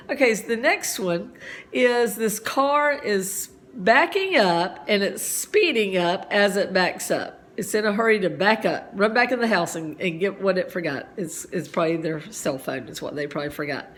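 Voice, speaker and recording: A woman's voice: medium pitch, expressive, normal speed. Middle-aged lady teacher doing physics problems, chatty asides, bit of a cough, recorded on a phone. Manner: chatty, explains step by step with asides. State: slight cough. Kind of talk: homeschool physics lesson.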